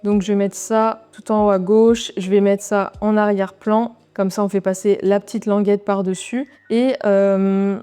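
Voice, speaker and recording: A woman talking through a design software tutorial step by step, with relaxed, chatty asides as she works. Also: medium pitch, normal speed, hardly any pauses, clean tone. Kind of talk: screen-recorded software tutorial.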